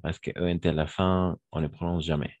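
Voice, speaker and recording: Low, unhurried male language teacher, patient and encouraging, dry close mic. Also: flat delivery, darkish tone, no echo, highs cut off. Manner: patient, repeats forms slowly and praises students. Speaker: French teacher. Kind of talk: online French grammar lesson.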